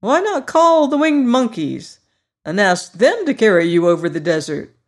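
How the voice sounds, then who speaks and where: A reader voicing a contented, cheerful scarecrow who rules a city, speaking in a bright, declaiming manner. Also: medium pitch, sing-song, moderate pace, pitched above the performer's own voice. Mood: hopeful.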